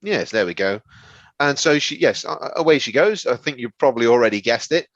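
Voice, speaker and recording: A man in casual comic storytelling mode, his pitch swinging widely as he rambles and trips over words. The sound is dry and a little dull, like a lo-fi close mic. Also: animated, brisk, a bit bright, dry recording. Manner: rambling, stumbles over words, laughs often. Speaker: podcast co-host. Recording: slightly dull, lo-fi.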